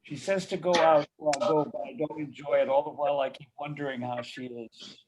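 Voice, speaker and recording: An actor playing a reluctant, grumbling bachelor at a poker game in a stage play. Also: male voice, fairly high pitch, fairly even intonation, a little fast, natural voice. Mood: glum, worried. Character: reluctant, anxious bachelor poker player devoted to mother. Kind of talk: stage play acting over a remote reading. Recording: muffled, faintly noisy home recording.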